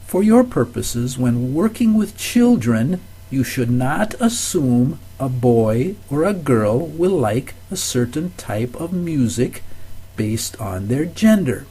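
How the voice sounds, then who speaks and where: An older man giving a recorded course lecture, telling anecdotes in a measured, instructive way. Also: medium pitch, very animated, warm tone, husky.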